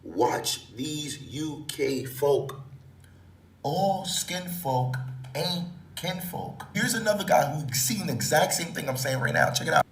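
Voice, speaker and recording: A man's voice: on the high side, big pitch swings, measured pace. Fired-up man ranting in a roomy echo. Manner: fired up, profane, emphatic. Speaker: online commentator. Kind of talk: heated commentary. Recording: roomy, distant mic.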